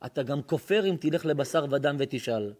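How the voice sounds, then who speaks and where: A rabbi with an Israeli accent giving a dramatic sermon, telling stories and swinging from hushed tones to shouting. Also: male voice, on the high side, lively intonation. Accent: Israeli Hebrew. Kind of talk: sermon with storytelling. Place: synagogue or lecture hall.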